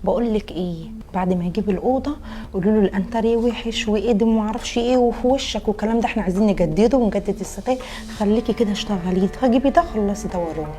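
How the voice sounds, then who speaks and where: A woman's voice: medium pitch, very fast, mellow. A woman with an Egyptian accent acting a bossy, scheming adviser who scolds her friend. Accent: Egyptian Arabic.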